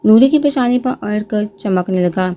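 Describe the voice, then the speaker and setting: A woman narrating a romance novel aloud, reading every character's lines in her own voice with small lifts in pitch. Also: dark tone. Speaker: novel reader.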